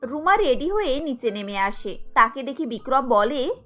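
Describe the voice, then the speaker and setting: A woman reading scripted storybook narration for a cartoon story, in a steady storytelling manner. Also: high-pitched, normal speed, muffled recording, faint music behind.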